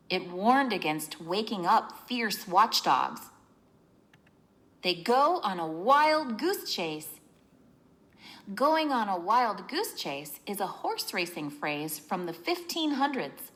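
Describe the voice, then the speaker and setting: A woman with a medium-pitched voice reads a children's book aloud expressively, like a teacher, explaining things as she narrates.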